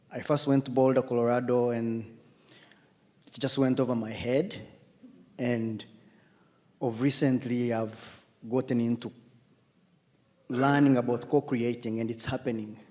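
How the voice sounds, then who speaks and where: A man from Uganda, an audience member, slowly and haltingly shares his story and searches for words. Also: mid-range voice, dark tone, big-room sound. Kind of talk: hesitant personal sharing.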